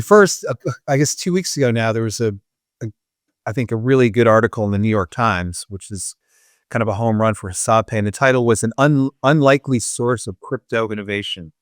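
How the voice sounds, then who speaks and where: Smooth, dry-voiced male podcast host. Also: fairly low pitch, brisk, no echo. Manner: conversational, many fillers and restarts. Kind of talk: casual interview chat.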